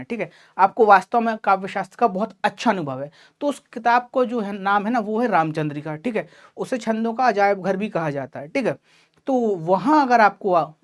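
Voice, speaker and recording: A woman teacher giving an online class lecture in Hindi, explaining patiently and checking in often with her students, whom she calls child. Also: medium pitch. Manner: addresses students affectionately as child.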